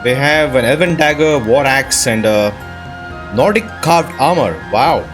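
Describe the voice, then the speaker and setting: A man with a medium-pitched voice speaks at a measured pace, hosting a casual let's-play and thinking aloud in short questions. Game music plays behind him throughout the recording.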